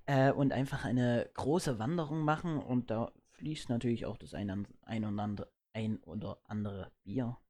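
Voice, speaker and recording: A young man chatting on a live stream, spinning anecdotes with easy laughter. His voice sits at a middle pitch and has an everyday sound. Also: warm tone. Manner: storytelling, laughing through anecdotes. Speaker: stream co-host. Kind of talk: casual chat.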